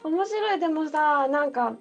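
A woman co-hosts a casual podcast chat in a high voice, teasing her partner and tossing out quick jokes. Faint music plays softly in the background. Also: expressive, highs cut off. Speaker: podcast co-host.

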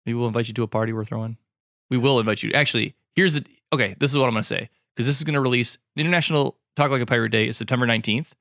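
A man's voice: medium pitch, racing, fairly bright tone, dry recording, clean studio sound. A man who is an emergency physician hosting a casual medical podcast, upbeat and jokey.

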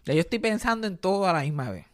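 A man's voice: high-pitched, racing, no room sound, studio quality. A young Puerto Rican man with a Puerto Rican Spanish accent, a comedian co-hosting a casual podcast, telling stories animatedly and mixing English words into his Spanish. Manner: animated storyteller, mixes English words into Spanish, acts out quoted voices.

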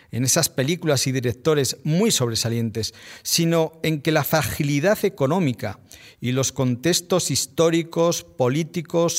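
Measured Spanish man narrating a podcast. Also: on the high side. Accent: Spain Spanish. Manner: measured, reflective storytelling. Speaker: podcast host. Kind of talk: scripted narration.

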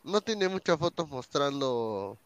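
A man's voice: on the high side, sing-song, a little slow, crowd noise. A man hosting a casual stream, joking and thinking aloud while browsing. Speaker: stream host. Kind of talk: casual chat.

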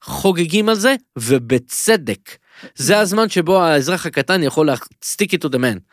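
Animated rambling man in dry studio. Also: on the high side, no room sound. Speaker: podcast co-host. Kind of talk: casual TV-recap podcast chat.

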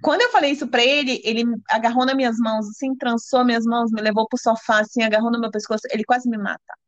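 Fast-talking Brazilian woman, high voice. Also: level tone, dry recording. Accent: Brazilian Portuguese. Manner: breathless, restarts sentences, acts out quoted dialogue. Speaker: interview guest. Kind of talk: emotional personal storytelling. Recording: dull lo-fi sound.

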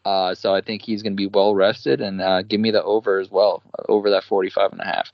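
A podcast guest with a New Jersey accent talks football picks confidently and at length. His voice sits very low. The recording is dry and dull, like a basic home mic. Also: little pitch movement, a little fast, gravelly, dry recording. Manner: confident, talkative, many fillers. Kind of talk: casual sports betting chat.

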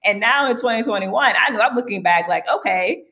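A woman hosting a casual podcast interview, animated and laughing often, with many fillers. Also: a little high, fairly quick. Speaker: podcast host.

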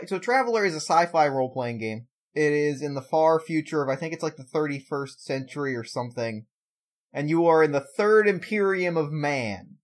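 A man co-hosting a podcast, chatting casually and playfully as he explains a game. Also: on the high side. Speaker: podcast co-host.

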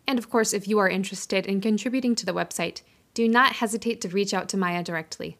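A woman hosts a podcast in a scripted, measured delivery. She slows down to spell out Japanese phrases syllable by syllable, like a patient teacher. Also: mid-range voice, fairly bright tone. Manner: careful, slow syllable-by-syllable pronunciation of Japanese words. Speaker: podcast host. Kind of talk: scripted podcast intro and language tip.

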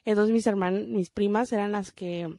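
Young woman, podcast co-host; lively storyteller, drops English words, dry close sound. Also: medium pitch, moderate pace, no room sound. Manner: lively, laughs often, mixes in English. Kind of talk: casual chat, storytelling.

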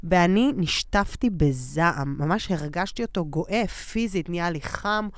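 A woman with a lowish, smooth voice chats as a podcast co-host, telling stories with lively acted-out quotes. The sound is close and dry. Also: dry recording. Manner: animated storyteller, acts out quotes. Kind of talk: casual chat.

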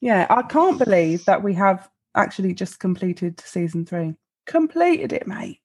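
Husky-voiced woman, teasing co-host. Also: lowish voice, normal speed, a little mellow. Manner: dry teasing, laughs often. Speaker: podcast co-host. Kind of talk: casual chat.

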